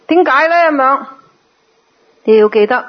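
Woman, Buddhist sermon, patient explaining, slightly high, a bit husky. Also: normal speed, dull audio. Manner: explains patiently, sometimes mimics others in a lively voice. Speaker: Buddhist teacher.

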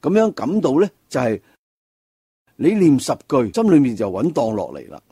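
A Buddhist monk teaching at a slow, careful pace. His voice is husky and swings widely in pitch as he stresses each point. The sound is close and dry, with no room echo. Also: sing-song, mellow. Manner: slow, deliberate, explanatory. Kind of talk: dharma talk.

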